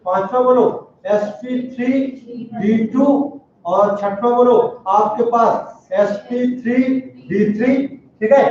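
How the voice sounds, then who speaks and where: A man teaching a chemistry lecture in a classroom, animated, calling out questions to his students. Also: high-pitched, slight background noise. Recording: very echoey room, distant dull mic.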